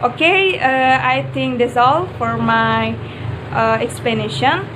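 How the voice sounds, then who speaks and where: A young woman with a high voice presents a lesson slowly, her first language Indonesian. She pauses often with "uh" between points. A faint hiss of background noise sits under the recording. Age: young adult. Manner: hesitant, many "uh" fillers. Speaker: student presenter. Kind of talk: class video presentation.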